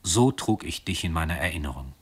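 A man reading a story aloud, voicing a lovesick young nobleman in a hushed, earnest, yearning way. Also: a bass voice, animated, fairly quick, breathy edge, heavily acted. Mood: rapturous.

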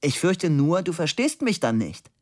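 A man voicing a young man who gives absurd answers in a raised, dry, deadpan voice. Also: on the high side, moderate pace, pitched above the performer's own voice.

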